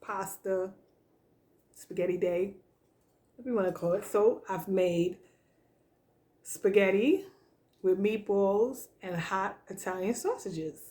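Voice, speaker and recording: A woman around sixty chatting casually while she eats, telling homey stories slowly with plenty of fillers. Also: medium pitch, mellow. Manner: slow, homey storytelling with fillers. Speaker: vlog host. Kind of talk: casual chat while eating.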